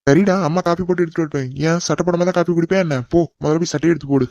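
A man's voice: a little high, fairly even intonation, very fast, darkish tone, dry recording, highs cut off, lightly acted. A man voicing a stern elder brother in a cartoon who scolds and gives orders. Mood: scolding. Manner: scolding, commanding. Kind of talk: cartoon voice acting.

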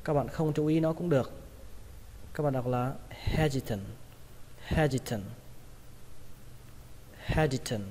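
A man with a Vietnamese accent teaching English vocabulary, repeating each word slowly several times to model its pronunciation. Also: fairly high pitch, steady tone, dark tone, big-room sound, a little hiss or hum. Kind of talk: pronunciation lesson.

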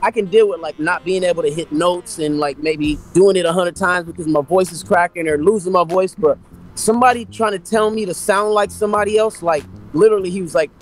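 A middle-aged R&B singer from Los Angeles, appearing as a guest on a video call, tells studio stories in a casual interview, animatedly acting out what other people said. His voice is high and a little fast. He's in a small indoor room on a webcam, with soft music in the background.

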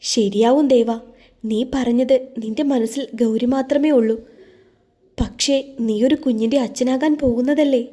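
A woman's voice: a little high, steady tone, moderate pace, mellow, close to an everyday voice. A woman voicing a caring middle-aged mother who comforts her daughter-in-law with earnest, soothing pleading in an audio story. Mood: tender, firm.

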